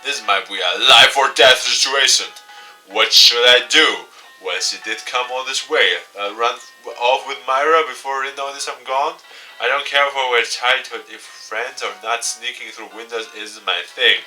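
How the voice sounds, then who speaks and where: A man's voice: medium pitch, normal speed, bright, forceful tone, distant mic, soft background music, low-quality recording. A man reading a visual novel aloud in a goofy, dramatic let's-play style with joking asides.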